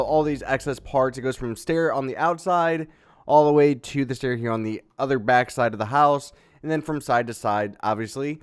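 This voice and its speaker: A man casually narrating a step-by-step building tutorial in a relaxed, chatty way, with fillers and little sound effects. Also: mid-range voice, clean tone. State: has the hiccups. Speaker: Minecraft building tutorial host.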